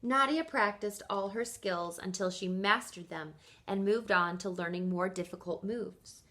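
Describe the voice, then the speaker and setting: Like a teacher at story time, a woman reads a children's picture book aloud. Her voice is mid-range, and she gives the tale careful, expressive emphasis.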